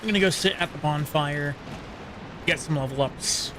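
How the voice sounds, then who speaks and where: A man narrating his own gameplay in a loose, chatty way, often muttering little asides to himself. His voice sits a touch on the high side, and a faint background noise runs under the recording. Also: moderate pace. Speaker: gameplay streamer. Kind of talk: casual gameplay commentary.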